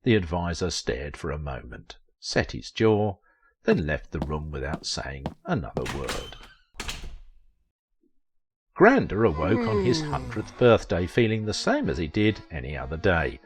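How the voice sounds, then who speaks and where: A man narrating a comic short story in a playful, animated way. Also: low voice, a little slow, music in the background.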